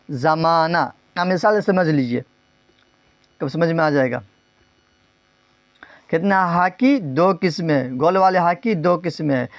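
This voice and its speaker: A male teacher giving a grammar lesson, asking questions and repeating the answers, drawing some words out slowly and rushing through others. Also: on the high side, no echo, dull audio. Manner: drills terms, asks and repeats answers; stretches words slowly, then speeds up.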